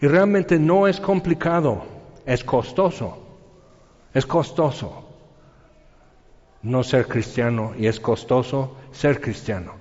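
A man preaching a sermon in a conversational, animated way, acting out quoted voices. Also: mid-range voice, long reverb tail, lo-fi sound.

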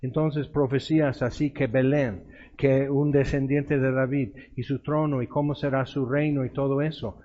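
A man's voice: mid-range voice, fairly even intonation, moderate pace, mellow, highs cut off, slight background noise. A man preaching a sermon, retelling Bible stories and acting out the voices of the people in them. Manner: storytelling, acts out quoted voices.

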